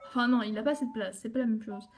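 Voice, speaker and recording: A young woman hosting a let's play, rambling and giggling as she comments on her game, with a very high voice. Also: racing, faint music behind. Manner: animated, rambling, self-talking with giggles. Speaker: gaming channel host.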